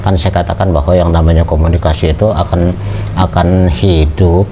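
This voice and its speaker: A middle-aged man with a deep voice gives a casual lecture to students at a normal speed. He talks conversationally, using many hesitant fillers and putting questions to the class. The recording is muffled with steady background noise.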